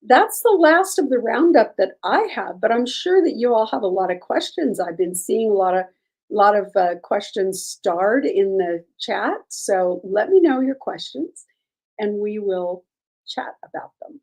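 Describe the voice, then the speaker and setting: A woman's voice: medium pitch, animated, darkish tone, breathy edge. A woman host with a scratchy voice, chatting casually on a livestream about court cases and answering chat questions, with many ums and restarts. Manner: many ums and restarts, measured legal opinions.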